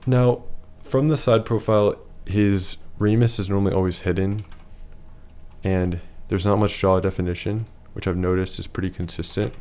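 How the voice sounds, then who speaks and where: Male presenter with a deep, hoarse voice, for a plain analytical voice-over. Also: steady tone, normal speed, darkish tone. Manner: matter-of-fact, rating things one by one. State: losing his voice.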